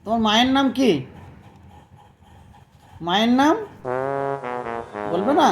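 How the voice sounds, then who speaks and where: A woman patiently quizzing a young child at home, repeating her questions and coaxing answers, sometimes gently scolding. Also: fairly high pitch, expressive, slow, soft background music. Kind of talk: casual home video chat with a child.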